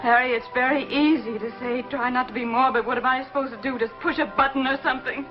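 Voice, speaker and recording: A woman's voice: high-pitched, steady tone, lightly acted. An actress plays a lonely, tearful woman pleading on the phone. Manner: halting, stammering, pleading. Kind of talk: 1950s television drama acting. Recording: muffled old TV broadcast with music.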